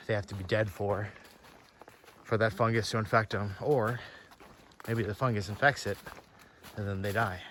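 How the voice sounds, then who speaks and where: Low-voiced man narrating a hike outdoors. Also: fairly bright tone, slight background noise. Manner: easygoing, rambling, many "like" and "uh" fillers. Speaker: hiker filming a trail vlog. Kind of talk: casual walking narration. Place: outdoors on a wooded mountain trail.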